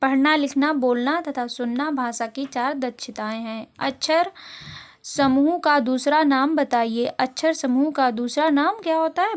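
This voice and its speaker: A woman with a high voice is giving an exam-prep lesson. She reads out each question, explains the answer, and goes over the key terms a second time. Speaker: teacher.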